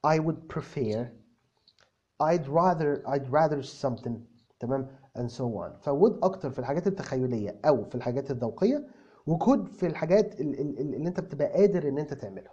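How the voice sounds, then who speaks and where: Mr Omar, a rapid-fire Egyptian tutor, as a man plays him. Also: a little high, lively intonation, warm tone. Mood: breezy, explaining. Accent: Egyptian Arabic. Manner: stammering restarts, explains with repeated examples. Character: self-assured young male Egyptian English tutor. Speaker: English tutor answering viewer comments. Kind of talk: comic video lesson. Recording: dull lo-fi recording.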